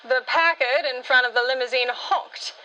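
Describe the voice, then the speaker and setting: A woman's voice: high voice, moderate pace, background noise. A woman narrating and acting her own part in a radio drama, witty and self-assured. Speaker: storyteller.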